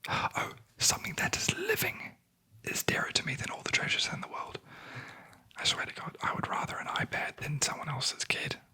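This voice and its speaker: A sleep story narrator whispering a fairy tale in a breathy ASMR voice, with dry, wry asides. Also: mid-range voice, moderate pace, poor audio. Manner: wry, deadpan commenting on the story.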